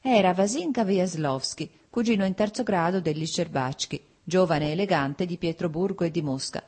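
Woman narrator, audiobook, steady reading, fairly low voice. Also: moderate pace, breathy edge. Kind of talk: scripted narration.

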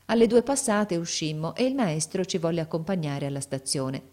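Woman narrating a classic novel, low-toned. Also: normal speed, warm tone. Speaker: audiobook narrator. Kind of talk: literary audiobook narration.

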